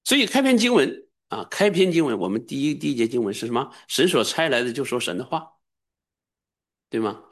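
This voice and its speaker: A middle-aged man preaching a sermon as a pastor, emphatic and sometimes bursting into high-pitched exclamations. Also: very animated, a little fast.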